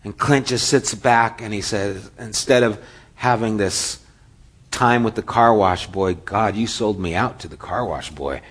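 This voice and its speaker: A man preaching a sermon as a pastor, telling a story with lively acted-out quotes and drops to a hushed, near-whispered voice. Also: lowish voice, a little slow, slightly rough.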